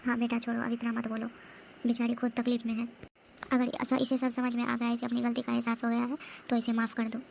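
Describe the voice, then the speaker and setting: Woman voicing a sharp-tongued cartoon mother-in-law. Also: fairly high pitch, completely flat delivery, a little fast, gravelly, a little hiss or hum. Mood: urging. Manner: firm and scolding. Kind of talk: cartoon comedy voice acting.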